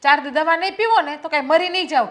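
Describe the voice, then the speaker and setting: An actress playing a quarrelsome, sarcastic daughter-in-law in a stage play, speaking. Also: female voice, high-pitched, quick pace, fairly bright tone. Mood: scornful. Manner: taunting, sarcastic, scolding. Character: quarrelsome scornful young wife and daughter-in-law. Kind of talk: Gujarati stage-play acting.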